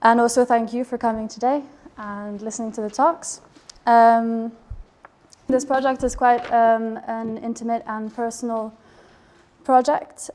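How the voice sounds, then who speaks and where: A woman with a hard-to-place accent that blends English and French gives a thoughtful artist talk. Her voice sits slightly high and stays fairly level, with little rise and fall. She pauses often and fills the gaps with soft ums as she reflects. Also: level tone. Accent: indeterminate mix of English and French. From Geneva border area, Switzerland/France. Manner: hesitant, many ums, reflective. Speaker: photographer presenting her residency project.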